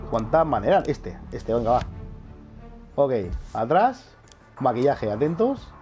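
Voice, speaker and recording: A man chats through a game, excitable and quick to laugh. His pitch swoops up and down as he reacts, with light swearing and game music faint underneath. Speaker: gaming youtuber. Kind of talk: casual gameplay commentary.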